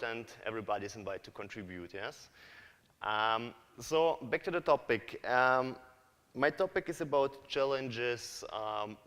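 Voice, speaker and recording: A man's voice: lowish voice, a bit bright, clean tone. A man from Kazakhstan giving a conference talk as a developer, hesitant, with many fillers and restarts, in a large hall. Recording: reverberant hall.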